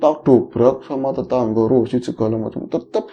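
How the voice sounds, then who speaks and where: A middle-aged man with a Javanese accent, telling his own story in a casual, animated way. His voice jumps up in pitch at the tense parts. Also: moderate pace. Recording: dull lo-fi audio with faint noise.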